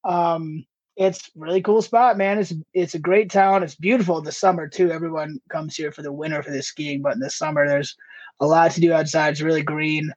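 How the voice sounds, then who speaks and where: A guest on a podcast, this stand-up comedian from Ohio in the US Midwest rambles through a casual chat and laughs easily. He talks a little fast, with a fairly high pitch and fairly even intonation. The recording has a dull lo-fi quality.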